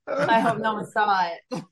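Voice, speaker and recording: A middle-aged woman from Greece, a podcast guest talking casually and chattily, with frequent fillers and laughs. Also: on the high side. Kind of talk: casual interview chat.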